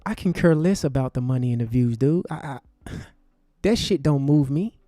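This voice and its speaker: A man giving impassioned, profane livestream commentary from his desk, swinging between loud outbursts and low, intense talk. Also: animated, moderate pace, no room sound. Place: home desk. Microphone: desk mic.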